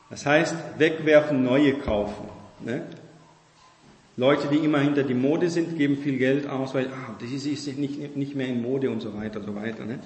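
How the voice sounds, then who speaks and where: Man preaching in an echoey hall. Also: medium pitch. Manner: conversational preaching with frequent "ne?" tags. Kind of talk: sermon. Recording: echoey hall with long reverb.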